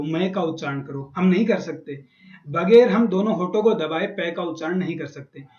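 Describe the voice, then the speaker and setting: A man's voice: high-pitched, darkish tone. A man teaching Sanskrit grammar in a lecture, patiently repeating and spelling out sounds. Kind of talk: classroom lecture explaining grammar. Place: college classroom. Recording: echoey dull classroom recording.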